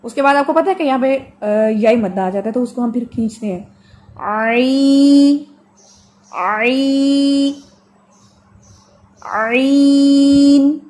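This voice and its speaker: A woman with a slightly high, a little mellow voice and lively intonation leads an online tajweed class on pronouncing Quranic letters. She patiently explains with everyday examples and stretches out each sound slowly for students to imitate.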